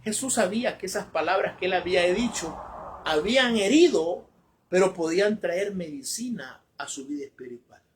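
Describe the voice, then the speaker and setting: A man's voice: sits high, expressive, normal speed, slight background noise. A man preaching a sermon emphatically, repeating phrases for stress and correcting himself as he goes. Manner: corrects himself mid-sentence.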